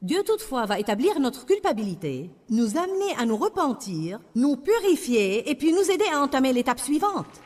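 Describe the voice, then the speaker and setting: A woman's voice: high-pitched, sing-song, moderate pace, few pauses, darkish tone, in a large hall. A woman preaching a sermon in a French voice-over, with emphatic, repetitive declarations.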